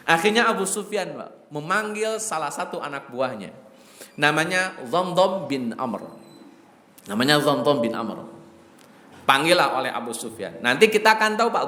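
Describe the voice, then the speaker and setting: High-voiced preacher in echoey mosque. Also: male voice. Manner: lively, joking, addresses listeners as Pak. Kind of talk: sermon storytelling. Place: mosque hall.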